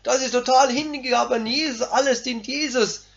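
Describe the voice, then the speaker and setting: A man preaching a sermon, talking emphatically and building to forceful exclamations. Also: very high-pitched, steady tone, normal speed, vocal fry. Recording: dull lo-fi recording.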